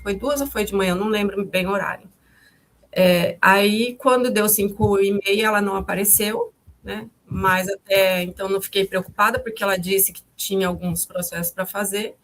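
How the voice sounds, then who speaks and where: A woman's voice: mid-range voice, steady tone, moderate pace, fairly bright tone. A woman in her fifties, the mother of the victim, recounting events in a testimony. She speaks hesitantly, repeats herself and restarts often, and calls her own way of talking harsh.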